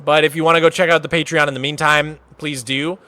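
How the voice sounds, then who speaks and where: A Massachusetts, USA man with a fairly high pitch talks at a quick pace. He's giving casual livestream commentary as he tours a game world, relaxed, chatty, and saying "like" over and over.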